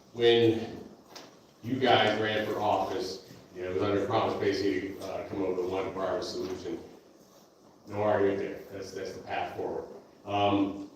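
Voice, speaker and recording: A man who is a fire captain giving a blunt, halting public comment at a council meeting, with many fillers. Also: fairly low pitch. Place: council chamber. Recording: very echoey hall from far off, faint noise.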